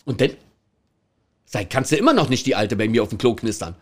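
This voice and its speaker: A man's voice: mid-range voice, very animated, fairly quick, slightly rough. A middle-aged man, telling anecdotes in a chatty way, laughing often and checking in with the listener. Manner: chatty, laughs a lot, tags lines with "ne?". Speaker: former toilet attendant telling stories.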